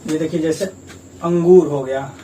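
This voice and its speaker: A man teaching a grammar lesson with patient, repetitive explanations, slowly sounding out each letter. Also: a little high, fairly even intonation, mellow. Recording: distant mic with faint room noise.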